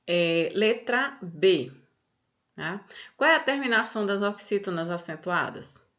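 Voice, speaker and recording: A woman teacher with a Brazilian accent going over answers in an online class, unhurried, often checking in with "tá?" and "olha só". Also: medium pitch, lively intonation, fairly bright tone. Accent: Brazilian Portuguese.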